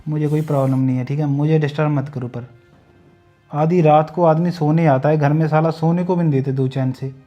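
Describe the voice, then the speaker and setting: A man's voice: on the high side, fairly even intonation, brisk, dark tone, faint music behind, natural voice. An actor playing an irritable young husband who snaps at his wife and refuses to be disturbed. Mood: resentful. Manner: snapping, dismissive, rising to angry outbursts. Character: irritable young husband, sleepy, short-tempered. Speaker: actor in short film. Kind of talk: domestic drama acting.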